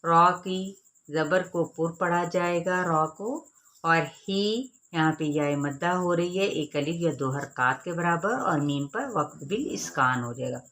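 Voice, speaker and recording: A woman teaching a recitation lesson, explaining each sound patiently and then modeling it in slow, drawn-out chanting. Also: fairly low pitch, fairly bright tone.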